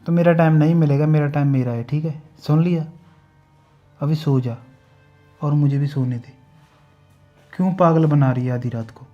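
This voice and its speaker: A man plays a short-tempered young husband, dismissive and grumbling, his higher-pitched voice flaring up into sharp outbursts. The film audio sounds slightly dull, with faint music underneath. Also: normal speed, long pauses, close to an everyday voice. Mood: annoyed. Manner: snapping, dismissive, rising to angry outbursts. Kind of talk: domestic drama acting.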